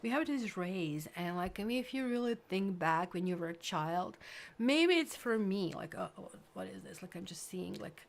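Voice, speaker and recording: A woman's voice: mid-range voice, moderate pace, vocal fry. A woman, giving a rambling, chatty tarot reading to camera, full of fillers. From Croatia. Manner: chatty, rambling, full of "like" and "kind of", lively bursts. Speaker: tarot reader.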